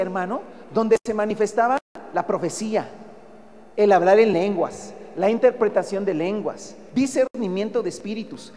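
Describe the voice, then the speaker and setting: A Mexican-accented preacher giving a sermon, pressing each point home with emphasis and posing rhetorical questions to the congregation. The voice sits at a middling pitch, and a long hall reverb trails after every phrase. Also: darkish tone. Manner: emphatic, keeps calling listeners "brother", asks rhetorical questions.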